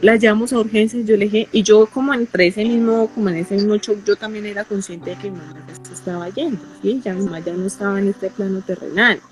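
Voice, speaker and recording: A woman with a Colombian accent giving an emotional personal testimony in an interview, halting and repeating phrases as she goes. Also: medium pitch, faint music behind. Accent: Colombian Spanish.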